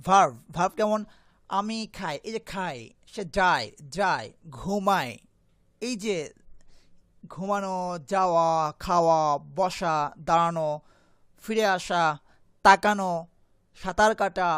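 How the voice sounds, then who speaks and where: Male teacher, patient classroom explainer, answers his own questions, reads phrases slowly, dry recording. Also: high voice, dry recording. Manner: asks questions and answers them himself; reads Arabic phrases slowly, then translates. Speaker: Arabic teacher. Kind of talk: classroom lesson.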